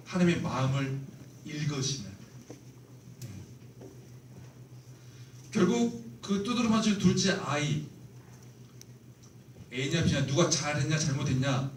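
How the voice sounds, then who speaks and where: A man's voice: fairly high pitch, a little hiss or hum. A man lecturing church youth leaders in a church meeting room, earnest and explanatory, acting out examples as he goes. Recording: roomy hall, mic far off.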